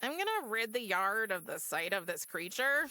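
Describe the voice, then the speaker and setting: A woman's voice: medium pitch, sing-song, moderate pace, pushed and bright, dry recording. An actress voicing a dry, sardonic young girl in a video game, wry and unimpressed.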